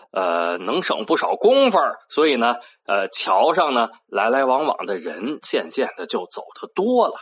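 A storyteller with a Beijing accent telling an old folk tale in a lively way, with playful asides and spoken sound effects. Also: mid-range voice, husky.

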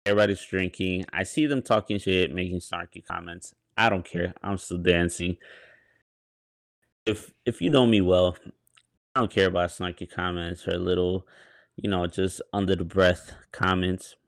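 A man's voice: low voice, steady tone, moderate pace, creaky, no echo. A young man telling a story in a laid-back, colloquial way on a podcast. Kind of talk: casual storytelling.

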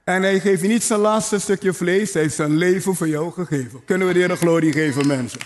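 A man's voice: high voice, a little fast. A man preaching a sermon, urging his listeners with repeated phrases and playful asides. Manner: repetitive exhortation, playful asides and calls to the congregation. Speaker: pastor.

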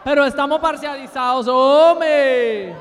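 A man's voice: very high voice, slow pace, some chatter behind. A man arguing and pushing the group during a casual party game. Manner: argumentative, pushes the group. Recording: long reverb room.

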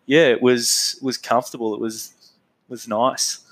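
An Australian man, guesting in a casual interview, talks in a medium-pitched, fairly flat voice at an unhurried pace. He's laid-back and rambling, his speech packed with fillers and punctuated by frequent easy laughter.

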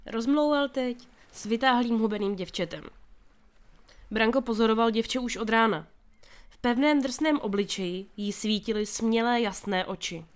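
A woman reading a children's story aloud as narrator, giving the characters' shouts strong emphasis. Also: on the high side, clear, resonant tone. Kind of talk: audiobook reading of a children's novel.

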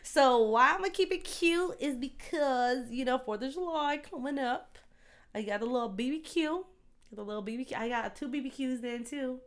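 A woman co-hosting a podcast in casual chat, playful and quick to laugh, full of slang and repeated catchphrases. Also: high-pitched. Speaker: podcast co-host.

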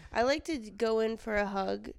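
A woman co-hosting a comedy podcast, casual and teasing, firing back quick jokes. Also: on the high side, vocal fry, crowd noise. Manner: teasing, quick comebacks, laughs often. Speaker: podcast co-host. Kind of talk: casual chat.

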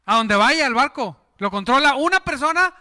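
A man's voice: very high voice, moderate pace. A man preaching a sermon, joking and putting questions to the congregation. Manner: lively, jokes and asks the congregation questions.

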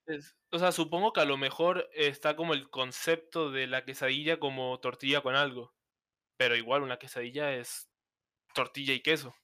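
Bright, clear-voiced man chatting. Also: mid-range voice, fairly even intonation, moderate pace, dry recording, clean studio sound. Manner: talkative, searches for words. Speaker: co-host. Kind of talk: casual livestream chat.

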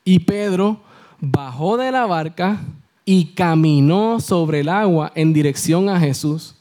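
Young Puerto Rican male youth preacher, mellow voice pitched a bit high, animated storyteller who keeps asking his congregation questions. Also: slow. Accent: Puerto Rican Spanish. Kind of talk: sermon.

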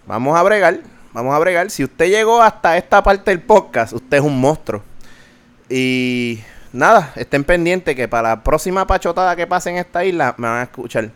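Young man, Puerto Rican accent, podcast host; animated, profane rant, casual code-switching. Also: on the high side, moderate pace, smooth. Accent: Puerto Rican Spanish. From Puerto Rico. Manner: ranting, animated, mixes English into Spanish, swears freely.

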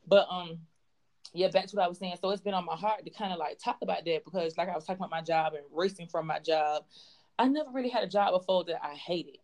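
Woman in her 20s, podcast host, lower register, loose playful chat. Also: quick pace, a little mellow. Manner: playful, chatty, lots of fillers and laughs. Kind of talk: casual chat.

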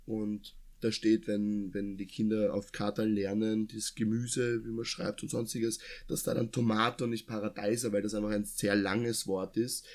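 Chatty Austrian man, low voice. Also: flat delivery, normal speed, hardly any pauses, a little mellow. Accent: Austrian, from near Vienna. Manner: talkative, rambling with many restarts and fillers. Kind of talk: casual chat.

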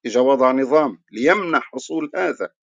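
A man's voice: mid-range voice, lively intonation, a little fast, vocal fry, fairly bright tone, no room sound, lo-fi sound. A man giving a religious lecture, explaining his point through rhetorical questions that he answers himself. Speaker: religious speaker.

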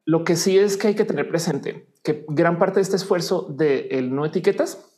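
A woman's voice: fairly low pitch, moderate pace. A woman from Colombia with a Colombian accent, a guest chatting casually and acting out the voices she quotes. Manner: animated, acts out quoted voices, laughs often. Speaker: guest, youtuber and teacher. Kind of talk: casual chat.

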